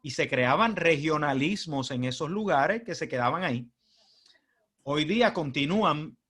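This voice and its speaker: A man's voice: fairly high pitch, lively intonation, moderate pace, fairly bright tone, slightly rough. A man from Puerto Rico with a Puerto Rican accent, giving a humorous, chatty presentation as a guest speaker and asking the audience rhetorical questions. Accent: Puerto Rican Spanish. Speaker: guest speaker at a club meeting. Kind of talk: informal presentation.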